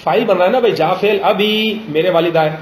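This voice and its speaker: A man teaching a grammar lesson in a classroom, pausing often to ask students questions and slowing down on examples. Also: high voice, slight background noise. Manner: drills students with frequent check questions; slows down to spell out example phrases. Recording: roomy classroom echo.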